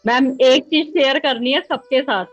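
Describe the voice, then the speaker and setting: A woman's voice: high voice, a little slow, dull audio, soft background music. A woman tarot student talking casually about her experience, hesitating often with fillers. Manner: talkative, hesitant with many fillers. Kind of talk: casual testimonial chat.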